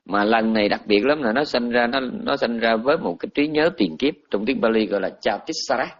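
Male dharma teacher, husky voice, chatty storytelling with restarts, dull lo-fi recording. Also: medium pitch, fairly quick. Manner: conversational, repeats words while searching, animated when telling stories. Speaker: Buddhist teacher. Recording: muffled lo-fi recording.

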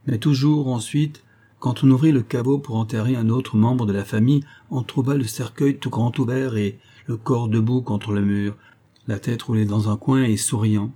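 A man voicing a young melancholy heir of an old castle in a storybook reading, speaking in a pensive, low-voiced way. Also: steady tone, normal speed, dark tone, natural voice.

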